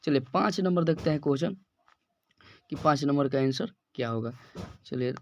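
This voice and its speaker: A man's voice: a little high, normal speed, highs cut off. A male teacher working through exam questions one by one, repeating and restarting phrases as he explains each answer. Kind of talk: exam-prep lesson.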